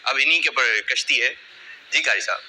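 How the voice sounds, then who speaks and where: A man's voice: mid-range voice, pushed and bright, slight background noise. A man co-hosting a children's lesson, asking the teacher playful, naive questions about how the sounds are made. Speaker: co-host.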